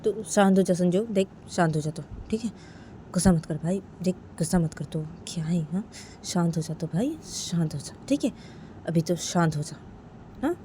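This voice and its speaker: A woman voicing a calm young man who soothes his angry cousin with soft, repeated reassurance. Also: mid-range voice, brisk, hardly any pauses, slight background noise, pitched above the performer's own voice, close to an everyday voice. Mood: soothing.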